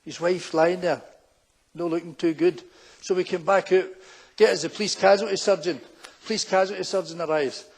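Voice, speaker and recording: A Glaswegian man tells stand-up stories live in a fairly high voice. His delivery is brisk and anecdotal, and he keeps acting out the people in his tales. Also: fairly even intonation. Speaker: stand-up comedian.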